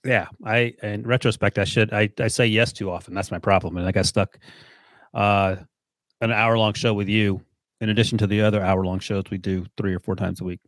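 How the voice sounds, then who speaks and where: A man in his 40s co-hosts a casual sports podcast, trading banter with dry, sarcastic humor. His voice is fairly low and steady, and he talks briskly on a dry recording.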